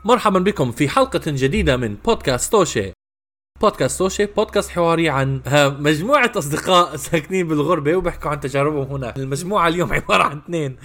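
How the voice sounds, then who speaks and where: Male podcast host, Levantine Arabic accent, quick casual delivery, informal with some English mixed in. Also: on the high side, animated, a bit bright. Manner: informal, mixes in occasional English words. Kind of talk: casual conversational podcast chat.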